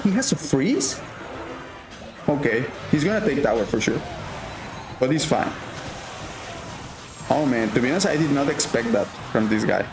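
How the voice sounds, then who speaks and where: A gaming YouTuber from Mexico, speaking with a Mexican Spanish accent in a mid-range, creaky voice, casually commentates his own gameplay. He thinks aloud with frequent fillers, and the sound is roomy.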